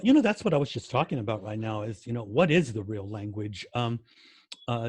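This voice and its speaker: An American man talks through interview answers in an easy, conversational way. He fills gaps with "uh" and restarts his phrases, and he repeats words to stress a point. His voice sits in a middle pitch and sounds dry and close to the mic. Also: darkish tone, dry recording. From United States. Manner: many fillers and restarts, repeats words for emphasis. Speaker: guest language educator.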